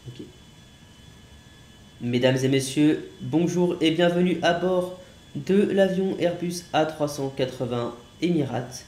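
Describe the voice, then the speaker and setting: A man's voice: on the high side, slow, darkish tone, roomy sound. A man playing an airline captain who speaks from the cockpit, giving radio calls and formal welcome announcements in a mock-official tone with hesitant fillers. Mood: announcing. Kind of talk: playful role-play during a flight-simulator gameplay video.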